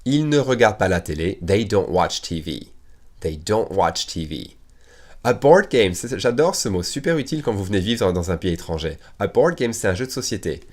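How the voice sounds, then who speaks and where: A man teaching English to French speakers, slowing right down for the English examples and talking quickly when he explains in French, with an American accent in his English. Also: fairly low pitch, big pitch swings. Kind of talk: online language lesson.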